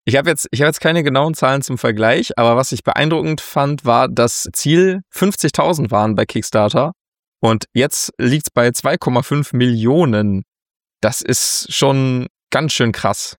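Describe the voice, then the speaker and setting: A man co-hosting a casual board game news podcast, relaxed and chatty, laughing often. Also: medium pitch, measured pace, dry recording, clean studio sound. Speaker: podcast co-host.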